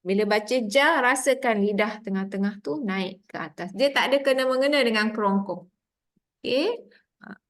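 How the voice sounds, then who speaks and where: Patiently going step by step through each sound, a woman with a Malaysian Malay accent teaches an online tajweed class on Quran recitation. She has a medium-pitched, somewhat bright voice and a moderate pace.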